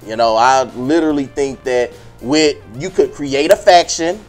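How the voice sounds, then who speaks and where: A man's voice: mid-range voice, expressive, unhurried, faint music behind. A man talking sports casually as a podcast panelist, emphatic and repeating phrases for weight.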